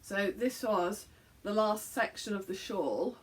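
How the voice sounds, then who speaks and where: In a rough recording, an Englishwoman in her fifties hosts a knitting podcast from a small bedroom craft room, speaking casually to a camera. Her mid-range voice is expressive and slow with a breathy edge, and she rambles with many fillers and self-corrections.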